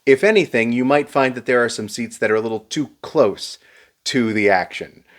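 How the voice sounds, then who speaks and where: A man reviewing a show to camera, explaining prices and seating in a steady, advice-giving way with a touch of dry sarcasm. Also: mid-range voice, moderate pace.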